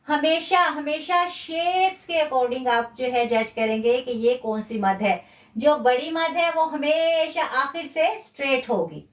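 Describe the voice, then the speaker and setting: Woman teacher, high voice, slow and patient, echoey room away from the mic. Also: far from the mic. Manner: slow, patient explaining with repetition. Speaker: Quran tajweed teacher. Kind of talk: live online lesson.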